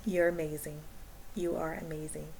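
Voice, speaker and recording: Calm, low-pitched woman guiding a grounding exercise. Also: moderate pace. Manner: calm, encouraging guidance. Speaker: counselor leading a session. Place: small room at home, indoors. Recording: clearly noisy home webcam recording.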